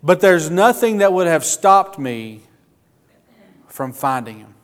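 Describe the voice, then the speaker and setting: Male preacher, earnest and emotional, slightly high voice, long hall reverb. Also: big pitch swings. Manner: earnest, emotional, slow emphatic phrasing. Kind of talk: sermon.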